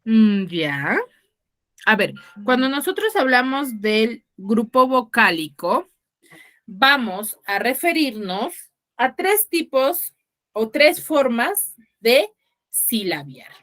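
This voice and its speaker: Patient woman teacher on an online class call, slow and sing-song, keeps checking understanding. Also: a little high, sing-song, fairly bright tone. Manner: patient, asks the class "¿ya?" often. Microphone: video call.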